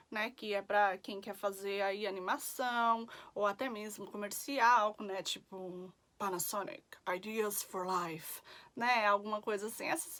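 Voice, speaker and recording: A woman's voice: a little high, fairly bright tone. A young woman from Brazil chatting casually as a vlogger, full of fillers and tag questions. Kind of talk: casual chat.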